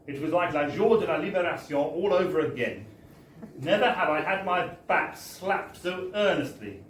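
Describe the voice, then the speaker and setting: This reader of a humorous book performs a comic story with mock-formal, theatrical wryness during a live launch in a bar. He speaks at a moderate pace in a fairly high voice with lively intonation, captured in an echoey, distant recording with faint noise.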